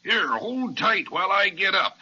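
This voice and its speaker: An actor playing a huge, kindly giant in the folksy, reassuring style of an old children's radio serial. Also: male voice, sits high, sing-song, moderate pace, bright, forceful tone, husky, heavily acted. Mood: helpful. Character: huge, gentle, kindly, weak-eyed giant. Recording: dull, band-limited vintage radio recording.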